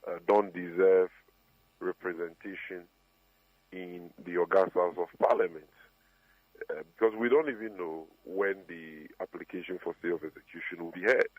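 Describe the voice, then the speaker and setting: A deep-voiced man speaks slowly and emphatically, pausing between phrases. His voice arrives through a fuzzy, distorted phone line that sounds thin and tinny. The sound is dry, with no room around it. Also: fairly even intonation, dry recording. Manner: measured, emphatic denial with pauses. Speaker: party communications officer.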